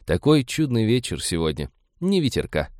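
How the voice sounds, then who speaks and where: Guy voicing a jovial sketchy captain, booming and friendly, dry sound. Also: big pitch swings, moderate pace, no room sound, lightly acted. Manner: hearty, loud. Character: hearty but shifty male captain host.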